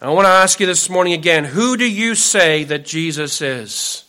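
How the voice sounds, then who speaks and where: Bright-voiced man preaching a sermon. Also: a little high, expressive, moderate pace. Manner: earnest preaching with emphatic lists. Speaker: pastor.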